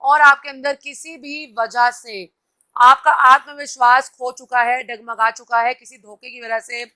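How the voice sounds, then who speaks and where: A woman's voice: sits high, steady tone, measured pace, pushed and bright. A woman host giving a live-stream motivational talk, coaching viewers directly and reading out their comments. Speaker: TV anchor and host.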